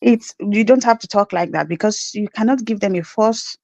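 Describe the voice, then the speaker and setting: A woman's voice: mid-range voice, normal speed, no echo. A woman with a Nigerian accent, a nurse telling her story in an interview, acting out the exchanges she describes. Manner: animated storytelling, acts out quoted exchanges. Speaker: guest nurse. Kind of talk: conversational interview.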